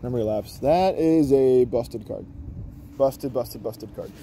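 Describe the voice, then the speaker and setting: A man casually commenting on opened cards, enthusiastic and quick with asides. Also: mid-range voice, mellow, slight background noise. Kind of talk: casual card-opening chat.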